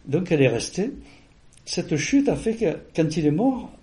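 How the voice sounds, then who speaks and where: Man with a warm, mellow voice telling a story. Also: high-pitched, very animated, normal speed. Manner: rambling, with frequent restarts and fillers. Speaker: interviewee. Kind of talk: casual personal storytelling.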